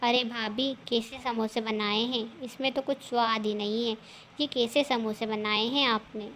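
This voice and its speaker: A woman's voice: fairly high pitch, steady tone, moderate pace, a bit bright, slight background noise, natural voice. A woman voicing a spoiled, complaining young sister-in-law in a cartoon story. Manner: whiny, complaining.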